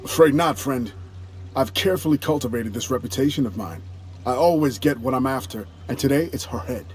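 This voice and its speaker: An actor playing a breezy, smug contract killer in a video game, glib and condescending. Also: male voice, mid-range voice, a little fast, darkish tone, faint music behind, lightly acted. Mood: smug menace.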